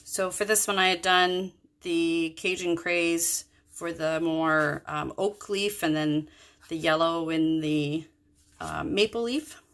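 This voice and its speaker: Slow, gravelly-voiced woman crafter. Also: lowish voice, fairly bright tone. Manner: chatty, rambling, self-correcting. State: hiccups. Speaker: card-making crafter. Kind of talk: casual craft tutorial.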